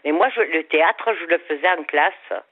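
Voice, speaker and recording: An older woman with a Southern French accent, calling in to a radio show, halting and repeating her words. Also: sits low, no room sound. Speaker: caller. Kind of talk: radio call-in. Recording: phone line.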